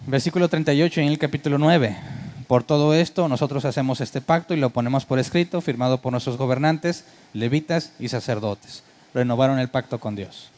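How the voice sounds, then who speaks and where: Speaking a little fast in a medium-pitched, slightly mellow voice, a pastor preaches to his congregation. He talks conversationally, asks many rhetorical questions, and does comic worship keyboard sound effects.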